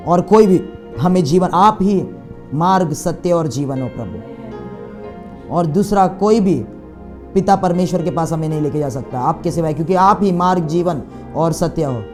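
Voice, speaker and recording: A man's voice: fairly high pitch, normal speed, soft background music. A man preaching a sermon and leading prayer, fervent, with frequent hallelujahs and passages of speaking in tongues. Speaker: pastor.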